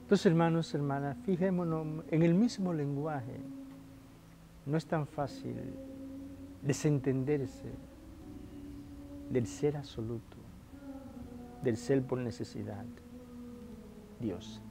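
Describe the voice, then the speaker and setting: Slow, gravelly friar preaching. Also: male voice, on the high side, background noise. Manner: addresses listeners as brothers and sisters, emphatic swells and drops. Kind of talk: sermon.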